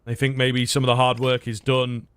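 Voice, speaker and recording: A man's voice: mid-range voice, monotone, moderate pace, fairly bright tone, clean tone, no room sound. A man giving live analysis and commentary on an esports match as a caster.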